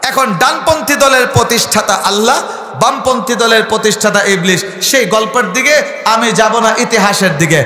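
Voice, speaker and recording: High-voiced shouting preacher in echoing hall. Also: male voice, brisk. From Habiganj, Bangladesh. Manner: rhetorical, quizzing the crowd, bursts into shouting. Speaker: Islamic preacher. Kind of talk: fiery sermon at a religious gathering. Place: large religious gathering over a loudspeaker. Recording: echoey hall with long reverb.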